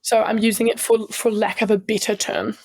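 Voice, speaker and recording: A woman with a New Zealand accent, a strength coach and sports medic, tells stories as a guest in a casual interview. She's earnest, restarting often and saying "um" a lot, in a fairly high, level voice with a brisk pace.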